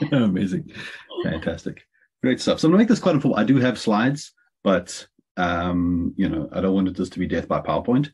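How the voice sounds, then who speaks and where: Male host, deep and very husky, upbeat and chatty, video-call sound. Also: moderate pace, a little mellow. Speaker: webinar host and marketing consultant. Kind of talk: casual live training session.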